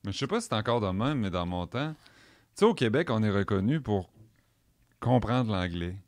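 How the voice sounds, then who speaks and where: Man, Quebec French accent, chef guest, casual podcast chat, lively storytelling, lowish voice, dry studio sound. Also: normal speed, no room sound. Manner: animated storyteller, mimics others' speech. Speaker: chef and cookbook author. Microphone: studio mic.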